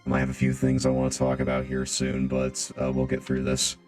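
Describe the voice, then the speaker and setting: A game streamer, a man whose voice comes out through a low, robotic filter. He talks in a loose, joking way and warmly thanks the people watching. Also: completely flat delivery, brisk, music in the background. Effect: deep robot voice filter. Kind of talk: casual chat while playing a game.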